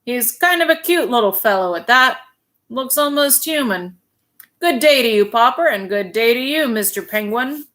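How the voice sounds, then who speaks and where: A woman doing a loud, good-natured policeman. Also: fairly high pitch, lively intonation, normal speed. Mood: puzzled.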